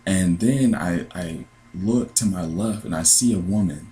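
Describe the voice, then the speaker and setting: Young man, American accent, deep voice, earnest, halting testimony. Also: mellow, low-quality recording. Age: 20s. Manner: earnest, halting, with many restarts. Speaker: dream sharer. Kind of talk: personal testimony.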